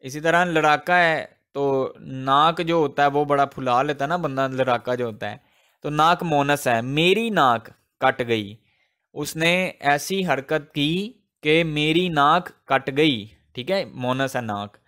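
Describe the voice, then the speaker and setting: A male teacher, a native Urdu speaker, working through a grammar lesson word by word. His voice sits a little high, and he talks slowly and deliberately, building example sentences and repeating the key words to drive them home. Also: a bit bright.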